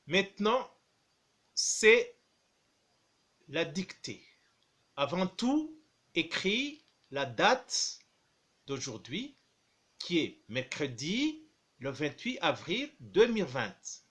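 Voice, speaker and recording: A male primary school teacher dictating a lesson, repeating each phrase deliberately and saying the punctuation aloud. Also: on the high side, very animated, a bit bright.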